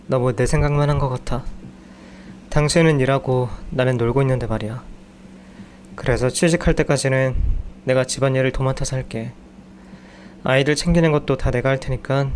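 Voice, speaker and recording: A man's voice: mid-range voice, fairly even intonation, moderate pace, long pauses, a little mellow, slight background noise, lightly acted. A man voicing a whiny young husband who grumbles about every hard job. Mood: sincere. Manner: sulky, complaining.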